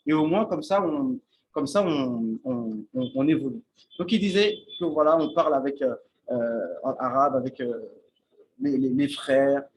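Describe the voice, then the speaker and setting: At a meal with friends, a man teaching about Islam speaks informally on Arabic, restarting and repeating himself as he works out his thoughts. He often asks "d'accord?" to check his listeners are following. His pitch is medium and the recording is rough.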